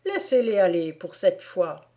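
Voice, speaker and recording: A stout, good-natured old village policeman, voiced by a woman reader, who speaks slowly and loudly with jovial authority. The pace is unhurried and heavy, and the tone is low and mellow. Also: very animated. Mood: hesitant.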